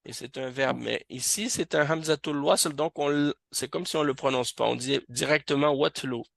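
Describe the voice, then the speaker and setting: A man teaching an Arabic reading class in a mosque, explaining slowly and patiently and repeating words so students catch the pronunciation. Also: medium pitch, creaky, a bit bright, dry recording.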